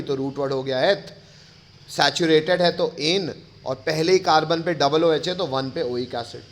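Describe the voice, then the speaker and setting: A man teaching a chemistry lecture, explaining step by step, calling his pupils kids and often checking whether they follow. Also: a little high. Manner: addresses pupils affectionately as kids.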